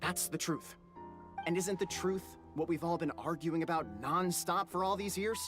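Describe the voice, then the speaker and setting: A man's voice: a little high, moderate pace, music in the background, voice pushed up, close to an everyday voice. A man voicing a proud, formal male clan elder who speaks grandly for a game. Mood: grandiose.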